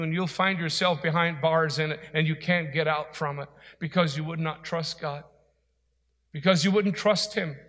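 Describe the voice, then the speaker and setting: A man's voice: a little high, fairly bright tone, big-room sound. A man preaching a sermon as pastor, with an earnest, emphatic delivery.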